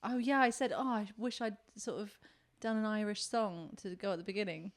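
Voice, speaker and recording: A young English woman co-hosting a podcast, telling a story in lively casual chat and laughing often. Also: mid-range voice, a little fast. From England. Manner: giggly, animated storytelling. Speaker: podcast co-host.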